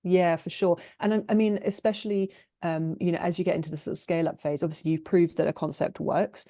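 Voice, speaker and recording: A woman's voice: on the low side, fairly even intonation, fast, dark tone, dry recording, clean studio sound. A woman giving casual interview answers as a guest, informally acting out little quotes as she explains. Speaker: guest, copywriting agency owner.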